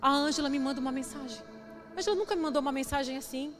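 A woman's voice: high voice, racing, a bit bright. A woman pastor with a Brazilian Portuguese accent preaching at a women's church gathering, emotional and conversational, asking the audience questions. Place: church hall. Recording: echoey church hall with music.

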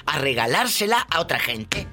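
Mexican man, flamboyant diva radio host, lively swooping delivery, playful teasing. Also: a little high, moderate pace, soft background music. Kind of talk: comedic live call-in show.

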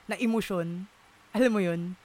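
A man with a high-pitched voice speaks at a normal speed in a casual conversation. He searches for words, uses many fillers and code-switches in Taglish, mixing English into his talk.

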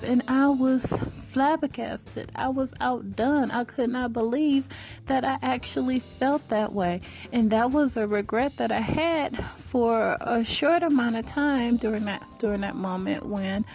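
Earnest woman in her forties, mellow voice. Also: medium pitch. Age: 40s. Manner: earnest, preacherly, repeats phrases for emphasis. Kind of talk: faith-based motivational talk.

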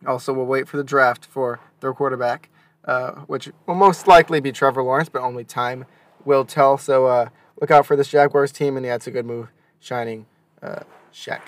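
A man's voice: medium pitch, steady tone, moderate pace. A young man co-hosting a casual sports chat, talking with hesitations and self-corrections. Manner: hesitant, many fillers and restarts. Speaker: podcast co-host.

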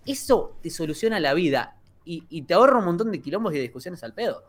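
An Argentine man with a Rioplatense accent co-hosts a relaxed podcast chat. His voice sits a touch high for a man, and he lays out his points patiently, one step at a time, like a teacher. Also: fast. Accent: Argentine Rioplatense Spanish. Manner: didactic, explains step by step. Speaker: podcast co-host.

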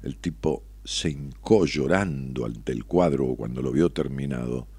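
A middle-aged man with an Argentine accent giving a reflective motivational monologue, expressive and salty, always tossing in tag questions. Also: very deep voice, measured pace, breathy edge, dry recording. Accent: Argentine Spanish.

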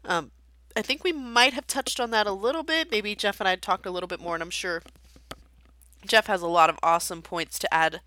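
Bright-voiced woman in casual chat. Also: medium pitch, dry recording. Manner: rambling, many fillers. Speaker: podcast host and amateur pianist.

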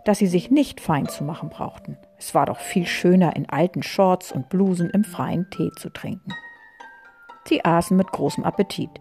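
Frau, Vorlesestimme für die Klasse, weich und etwas tief. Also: female voice, on the low side, warm tone. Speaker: teacher reading aloud to her class. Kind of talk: storybook read-aloud.

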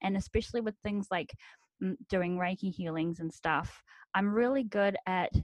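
A woman's voice: medium pitch, normal speed, no echo. Chatty, giggly woman podcast host. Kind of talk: casual interview chat.

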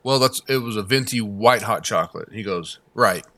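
Male podcast co-host, bright tone, dry sound, animated casual ranter. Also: fairly low pitch, moderate pace, no echo. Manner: animated storytelling, emphatic rants. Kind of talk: casual chat.

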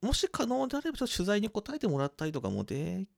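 A man co-hosting a casual radio-style podcast, introducing segments quickly and laughing often. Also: high-pitched, creaky. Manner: quick, lively explaining with frequent laughs. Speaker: podcast co-host presenting segments.

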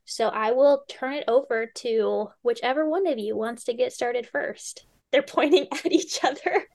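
A woman's voice: a little high, moderate pace, vocal fry, darkish tone. A woman hosting a podcast, chatty and enthusiastic as she introduces her guests. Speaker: podcast host. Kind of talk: warm conversational podcast hosting.

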